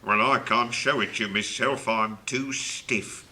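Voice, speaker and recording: A man playing an old, stiff, mournful turtle, solemn and sentimental with drawn-out words, in a 1950s dramatised storybook recording. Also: lowish voice, steady tone, sharp tone. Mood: solemn, nostalgic. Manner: slow, drawn-out, solemn delivery.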